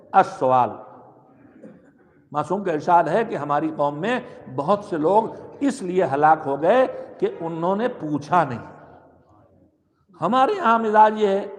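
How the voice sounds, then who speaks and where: High-voiced man preaching in a hall. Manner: exhorting, rhetorical questions, varied emphasis. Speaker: cleric giving a majlis address. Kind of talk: sermon. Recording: long hall reverb.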